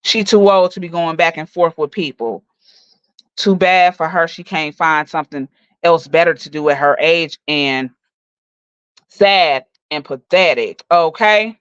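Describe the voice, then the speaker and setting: A woman's voice: sits low, measured pace, smooth, no room sound. Woman in her forties, profane mocking rant, dry dull lo-fi sound. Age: 40s. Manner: profane, mocking, loud insults. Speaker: livestream host. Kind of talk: angry roast rant.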